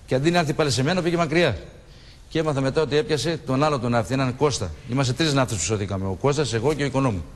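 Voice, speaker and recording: This is an emotional TV studio interview with a man in his sixties who survived a shipwreck. His mid-range voice has a big-room sound as he voices the exchanges he remembers.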